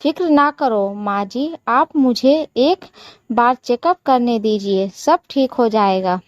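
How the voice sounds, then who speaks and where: A polite, dutiful young daughter-in-law in a storybook, voiced by a woman narrator, gentle and soft-spoken at an unhurried pace. Her voice sits a little high, and the recording is dull and dry. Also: no echo. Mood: reassuring.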